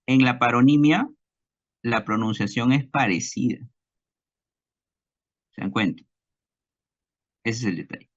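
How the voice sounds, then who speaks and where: A man with a Peruvian Spanish accent teaching a recorded class lecture, slow and deliberate, repeating examples and checking understanding with tag questions. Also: medium pitch, highs cut off.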